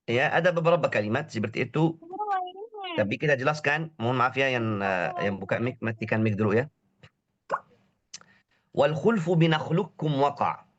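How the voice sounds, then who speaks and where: A man with a cold teaches a tajweed class online, at an ordinary mid pitch. He stretches Arabic words out slowly to show how they sound and repeats short syllables for drilling. The audio is a little dull, as from an online class. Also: a bit bright. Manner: drawls out Arabic words slowly to demonstrate pronunciation. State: has a cold. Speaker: Quran recitation teacher.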